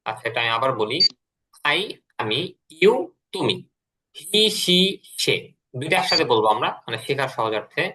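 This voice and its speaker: Bright-voiced male teacher drilling words. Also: mid-range voice, expressive, normal speed, long pauses. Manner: explains step by step, repeats words for drills. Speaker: English teacher. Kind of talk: online class lesson.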